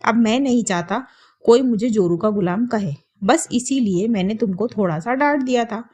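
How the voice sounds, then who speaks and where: A woman's voice: a little high, normal speed, darkish tone, slightly rough. A woman voicing a dismissive, hot-tempered young husband with a brusque manner.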